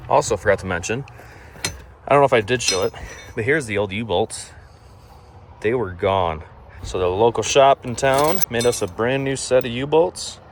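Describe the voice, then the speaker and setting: A young man of medium pitch rambles casually about his truck project, self-deprecating as he works, with background noise in the recording. He occasionally sounds out of breath. Filming happens on a phone camera propped nearby, both in the workshop and out in the backyard.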